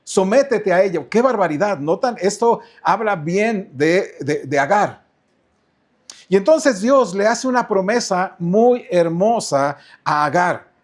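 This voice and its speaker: High-voiced Mexican pastor preaching. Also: male voice, lively intonation, slow pace. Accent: Mexican Spanish. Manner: asks the congregation questions, repeats words, changes pace often. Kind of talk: sermon. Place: church.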